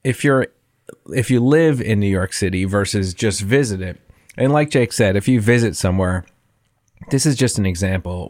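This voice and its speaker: A man's voice: sits low, darkish tone. A man co-hosting a podcast in casual chat, rambling with restarts and frequent laughs. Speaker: podcast co-host.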